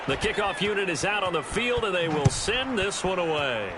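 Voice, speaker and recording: Over loud stadium noise, a man plays a slick American TV football play-by-play commentator, projecting like a broadcaster and sounding focused. His voice sits high and sing-song, moving at normal speed.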